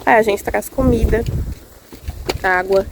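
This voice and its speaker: Speaking slowly at medium pitch, a Brazilian vlogger with a cold and a congested voice chats casually outdoors on rural land, delighting in small things. She has a Brazilian Portuguese accent and records on a handheld phone in the wind, with outdoor noise behind her.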